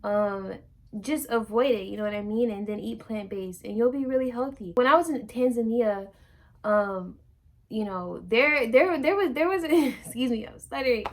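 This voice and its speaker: Talking to camera in a relaxed, meandering way, a young new mother fills her chat with fillers and keeps restarting her sentences. She speaks at medium pitch and a normal speed.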